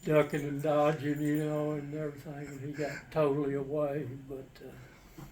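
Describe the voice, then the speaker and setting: An older man, a war veteran, casually recounting his memories in a halting, matter-of-fact, plain-spoken way. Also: fairly high pitch, completely flat delivery, darkish tone. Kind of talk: casual personal storytelling. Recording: distant mic with faint background noise.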